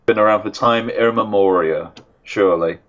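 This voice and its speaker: A man's voice: lowish voice, normal speed, a bit bright. A man chatting as a podcast co-host with dry, understated humor, his voice echoing as if he sits in a cavern. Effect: echoey cavern-like room sound. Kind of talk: casual chat. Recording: dull, lo-fi, echoey remote line.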